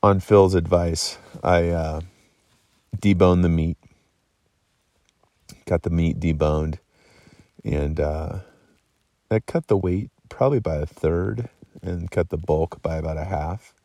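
A man's voice: deep voice, slow, pauses often, no room sound. A tired man talking casually on a hunting vlog at his mountain camp at night, with many ums and yawns. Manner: relaxed, rambling, many ums and restarts. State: tired, yawning. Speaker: hunter vlogger.

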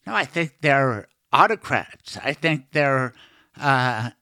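A man's voice: medium pitch, expressive, slow pace, pushed and bright, dry recording, studio quality. A middle-aged man hosting a podcast, chatting casually with a guest, telling anecdotes and giving strong opinions. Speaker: podcast host. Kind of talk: casual interview chat.

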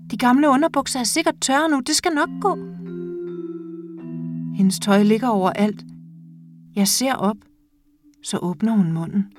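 A woman hosting a podcast, reading a literary story aloud in a calm, measured, intimate way and then reflecting on it. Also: a little high. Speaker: podcast host reading fiction.

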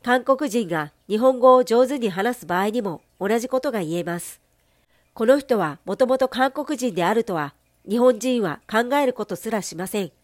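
A woman giving a steady, measured, formal reading of a translated sermon. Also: a little high, no room sound, studio quality.

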